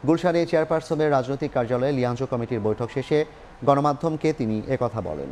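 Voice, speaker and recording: Male anchor reading the bulletin, steady formal tone, slight noise behind. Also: medium pitch. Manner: measured, formal delivery. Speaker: news anchor. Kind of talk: scripted news reading.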